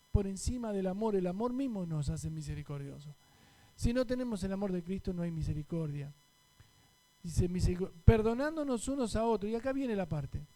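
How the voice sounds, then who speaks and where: Man, Rioplatense Spanish accent, pastor, sermon, high voice, mellow tone, rhetorical questions. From Argentina. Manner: conversational preaching with rhetorical questions to the congregation.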